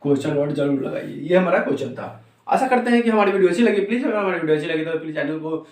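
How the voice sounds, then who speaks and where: A man teaching English grammar in a lesson, explaining each step slowly and repeating words. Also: a little high, animated, darkish tone, far from the mic. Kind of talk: Hindi-language grammar lesson. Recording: roomy echo, voice off-mic.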